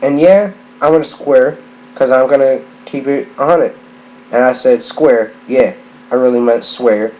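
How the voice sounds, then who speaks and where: A drunk middle-aged man on a rambling, casual gaming rant, halting and repeating himself as he circles back on phrases. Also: mid-range voice, level tone, darkish tone. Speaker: gaming vlogger. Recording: clearly noisy background ambience.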